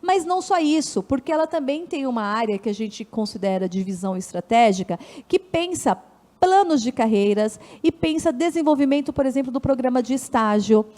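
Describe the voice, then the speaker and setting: A woman's voice: high-pitched, lively intonation, a little fast, mellow. A woman with a Brazilian Portuguese accent, an official giving an online seminar talk. She explains step by step, often corrects herself mid-sentence, and poses questions to herself before answering them. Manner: frequent restarts and self-corrections. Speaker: public administration official presenting her department.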